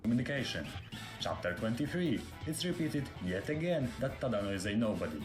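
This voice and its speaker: Male text-to-speech robot voice, synthetic, lively pitch swings, roomy sound, plucked guitar behind. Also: brisk. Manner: reads chapter and page numbers in a clipped, listing way. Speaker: narrator of a played video essay. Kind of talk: flat list-style critique narration. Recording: roomy video clip with guitar music underneath.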